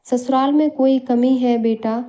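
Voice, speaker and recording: A woman voicing a caring middle-aged mother who speaks in soft, coaxing questions, for a storybook. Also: high voice, steady tone, a little slow, highs cut off.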